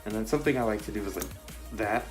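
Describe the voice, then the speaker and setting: Speaking quickly in a lowish voice over music, this man is a vlogger presenting his costume. The full-face mask muffles his words as he rambles casually, leaning on fillers and running short of breath.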